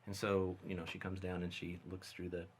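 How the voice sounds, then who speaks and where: A man, a guest filmmaker, telling a story in casual, animated conversation. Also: low-pitched, brisk, slight background noise. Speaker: guest, special effects artist and filmmaker.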